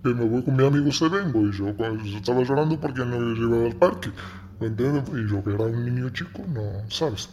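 A man from Morocco, telling his story in an interview in a halting way, repeating words. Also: medium pitch, darkish tone. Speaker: interviewee, former smuggler. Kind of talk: interview testimony.

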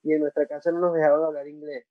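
A man from Venezuela, a musician guest, relaxed and quick as he recounts his story. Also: fairly high pitch, no echo, phone-quality sound. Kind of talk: casual interview answers.

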